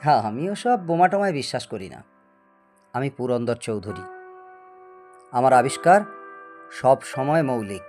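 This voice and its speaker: A man with a somewhat high, slightly mellow voice acts in a dramatised audio story. He plays a boastful, eccentric older scientist who lectures and teases in a grandiose manner.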